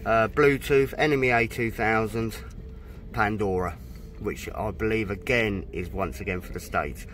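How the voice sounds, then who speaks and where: Outdoors at a boat in a dry stack, a UK man gives a relaxed, hands-on demo of his boat stereo, reading out the menu items along the way. He is chatty and unhurried, his fairly low-pitched voice fairly bright in tone, with a bit of background noise.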